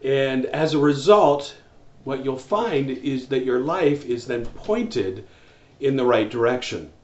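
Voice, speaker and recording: A man's voice: medium pitch, lively intonation, slow, darkish tone. Earnest man preaching in a roomy room. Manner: earnest, many restarts and fillers, gesturing hands. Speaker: pastor. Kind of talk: home church sermon to camera. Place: small room with wall shelves, indoors. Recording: roomy, slightly dull sound.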